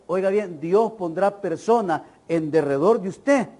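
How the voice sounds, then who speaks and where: A man preaches a church sermon in a notably high voice. He presses his points emphatically, fires rhetorical questions at the congregation and keeps urging them to listen well. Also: lively intonation, a little slow, warm tone. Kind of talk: evangelical sermon. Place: church service.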